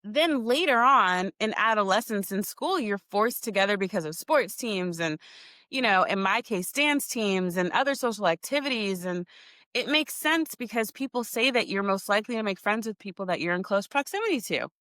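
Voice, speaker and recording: A woman's voice: mid-range voice, expressive, normal speed, sharp tone, dry recording, studio quality. A woman in her forties hosting a podcast, telling stories in a casual, chatty, profane way, with lots of laughter. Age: 40s. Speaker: podcast host. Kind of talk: casual storytelling monologue.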